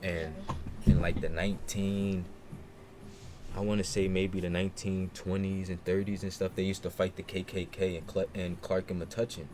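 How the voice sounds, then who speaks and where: A young man talks through family and local history in a relaxed, slang-filled podcast chat. His voice sits very low. There is clear room noise behind him. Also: normal speed. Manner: laid-back slang-heavy storytelling. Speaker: podcast co-host. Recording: noisy room ambience.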